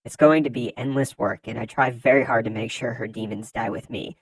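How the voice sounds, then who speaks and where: A narrator reading forum posts aloud in scripted narration, with lively swings in pitch and loudness. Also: a little fast, no echo, poor audio.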